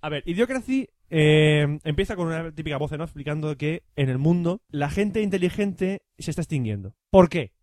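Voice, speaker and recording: A man hosting a casual film chat, rambling and joking, acting out scenes from the films in quick voices. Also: fairly high pitch, expressive, a little mellow, no echo, studio quality. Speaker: podcast host.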